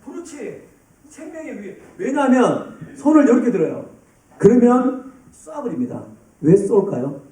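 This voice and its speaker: A man preaching a sermon to a youth group, lively and addressing students by name. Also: very high voice, normal speed. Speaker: pastor. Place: church hall. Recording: roomy, distant church hall sound.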